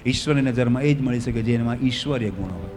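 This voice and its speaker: A male pastor preaching a sermon in a church hall, his voice often swelling loud with fervor. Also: medium pitch, fast. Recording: long hall reverb, faint music behind.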